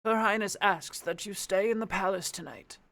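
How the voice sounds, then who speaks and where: A man's voice: high voice, normal speed, gravelly, fairly bright tone. A man voicing a courteous, elderly male chamberlain in an old man voice, reading from a fantasy storybook. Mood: courteous, reassuring.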